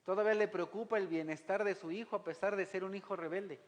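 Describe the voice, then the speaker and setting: A man's voice: sits high, steady tone, quick pace. A man delivers a sermon in a slightly raised voice. He keeps putting rhetorical questions to the congregation and reads scripture aloud between his points. A long reverb trails his voice through the church hall. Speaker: pastor.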